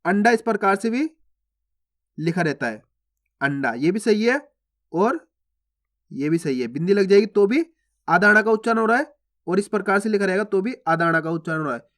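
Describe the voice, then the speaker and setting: A man teaching a Hindi reading lesson, patiently asking how each word is read and then slowly repeating it. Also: high voice, animated, fairly bright tone. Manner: addresses viewers as friends, patient explaining.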